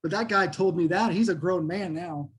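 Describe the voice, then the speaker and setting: A man's voice: high voice, normal speed, breathy edge. A middle-aged man, talking casually as an interview guest in a folksy, enthusiastic, emphatic way. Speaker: interview guest, Bigfoot researcher.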